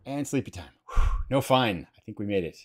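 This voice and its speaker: Low-voiced man chatting through a game. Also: fairly quick. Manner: relaxed, chatty, thinking aloud while driving. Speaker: let's play host. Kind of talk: casual gameplay commentary.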